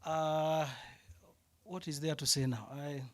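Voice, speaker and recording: A man's voice: fairly high pitch, flat delivery, slow. A man, head of an animation department, giving an emotional, reflective faculty speech at a graduation ceremony. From Africa. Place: ceremony hall.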